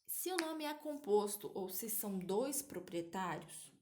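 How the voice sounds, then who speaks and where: A woman's voice: mid-range voice, big pitch swings, unhurried. A woman with a Brazilian Portuguese accent teaching an English lesson, explaining patiently step by step and often checking that her students follow. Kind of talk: online language lesson.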